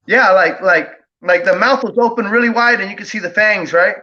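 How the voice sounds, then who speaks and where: A man's voice: high voice, fairly quick, sharp tone. A man telling a story as a guest in casual talk, rambling with lots of fillers and tag questions. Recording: dull lo-fi audio.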